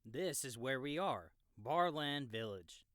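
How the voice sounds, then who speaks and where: In an audiobook, a man voices an easygoing, experienced young gamer explaining the world to a newbie in a casual, knowing manner. His medium-pitched voice is animated, slow, and a bit bright, captured as a dry, studio-quality recording.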